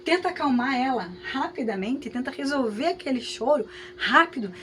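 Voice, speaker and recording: A woman with a Brazilian Portuguese accent teaching a class, talking in a lively, conversational way with frequent tag questions. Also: high-pitched, normal speed, a little hiss or hum. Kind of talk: lecture with hypothetical examples.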